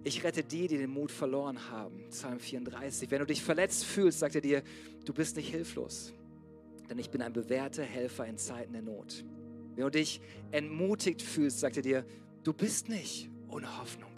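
A man preaching a sermon to a church congregation, swinging from loud urging to soft, hushed passages. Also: mid-range voice, moderate pace, over music. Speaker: pastor.

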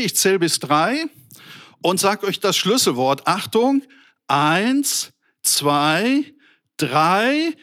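Middle-aged man, high voice, animated preacher, talks straight to his online audience. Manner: animated, addresses listeners directly, storytelling; colloquial with English words. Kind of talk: lively sermon to an online audience.

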